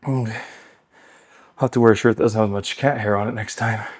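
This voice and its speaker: A man's voice: fairly low pitch, steady tone, fairly quick, darkish tone, breathy edge. Breathless man coaching on a bike. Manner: chatty, loose, rambling between cues. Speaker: workout host. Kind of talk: casual coaching while cycling. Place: home exercise bike.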